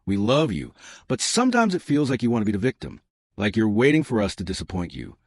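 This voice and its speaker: Brief: a man voicing a middle-aged mother, breezy and condescending, lively pitch. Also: fast, dry recording, studio quality. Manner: gentle, condescending.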